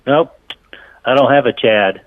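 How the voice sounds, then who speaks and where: A man's voice: mid-range voice, unhurried, a little hiss or hum. A man who manages apartments, heard over a landline phone, talking bluntly and turning confrontational. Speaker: apartment manager taking a prank call. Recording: tinny narrow phone line.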